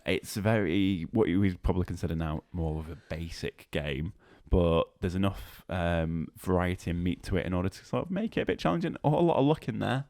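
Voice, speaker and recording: A man's voice: deep voice, lively intonation, brisk, few pauses, a little mellow, dry recording, studio quality. A man co-hosting a board game podcast, talking easily with lots of fillers and tag questions. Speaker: podcast co-host. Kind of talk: casual chat.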